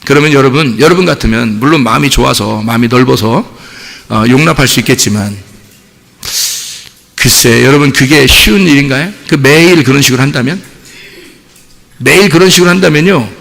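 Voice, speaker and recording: A male pastor preaching a sermon, lively and talkative, acting out little everyday scenes as he goes. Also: mid-range voice, creaky, in a large hall. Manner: animated, acts out little scenes and voices. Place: church sanctuary.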